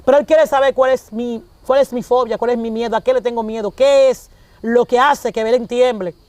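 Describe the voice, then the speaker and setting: A woman's voice: a little high, a little fast, dry recording. A woman, preaching conversationally and acting out little dialogues as she talks. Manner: animated, acts out dialogues with shifting voices.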